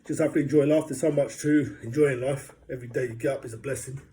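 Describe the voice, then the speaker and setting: A man chats loosely to his camera, upbeat and jokey. His voice is mellow and warm. He rambles and fills his talk with fillers. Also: mid-range voice, steady tone, quick pace. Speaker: vlogger. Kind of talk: casual vlog monologue.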